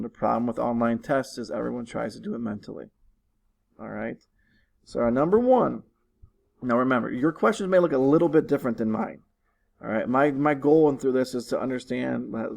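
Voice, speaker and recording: A man's voice: medium pitch, vocal fry, a little mellow, low-quality recording. A man teaching his students from his living room, walking them through test questions patiently and repeating instructions. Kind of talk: recorded online lesson walkthrough.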